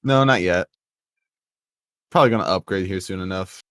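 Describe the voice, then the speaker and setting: A man's voice: low voice, moderate pace, fairly bright tone, clean tone, no echo, studio quality. A man playing a tabletop role-playing game, joking around in casual chat. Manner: laughing, joking. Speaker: player.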